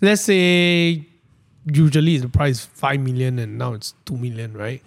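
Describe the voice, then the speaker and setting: A man's voice: mid-range voice, unhurried. A man with a Malaysian accent speaking colloquial Malaysian English, co-hosting a casual market chat and taking audience questions. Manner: colloquial Malaysian English with lah and lor particles. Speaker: co-host reading audience questions.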